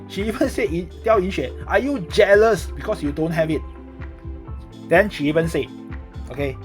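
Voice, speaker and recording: A man with a Singaporean accent telling a story recap casually in Singlish, animated and exclamatory, peppering it with lah and ah. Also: fairly high pitch. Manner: Singlish phrasing with frequent lah and ah particles. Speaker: drama recap narrator. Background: background music.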